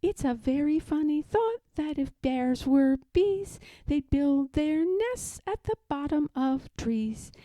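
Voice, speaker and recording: A woman's voice: high voice, expressive, slow, few pauses, warm tone, no room sound, pitched above the performer's own voice. A woman voicing a small male bear from a storybook, earnest and muddled, musing ponderously in a simple-minded way. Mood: singsong. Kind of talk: storybook character voice.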